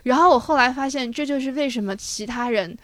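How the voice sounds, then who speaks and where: A woman's voice: high voice, brisk, dry recording. A woman in her thirties, a guest writer, telling stories and building points in an earnest, list-like way during a reflective conversation. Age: 30s. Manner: earnest, storytelling, builds points in long lists.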